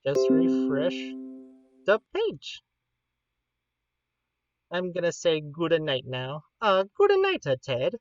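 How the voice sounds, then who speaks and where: Female livestreamer, Pittsburgh accent, lower-pitched and very expressive, informal rambling delivery, dry slightly lo-fi sound. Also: takes it slowly, long pauses, faint music behind. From Pittsburgh, United States. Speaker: livestreamer teaching an informal class. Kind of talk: casual livestream chat.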